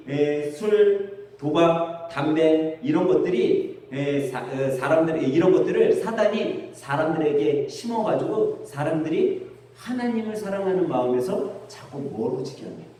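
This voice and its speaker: A middle-aged man preaching a sermon as pastor, telling stories in a chatty, lively way. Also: fairly high pitch, a little slow. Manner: conversational storytelling, lively with laughs. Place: church sanctuary. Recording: very echoey church hall, distant mic.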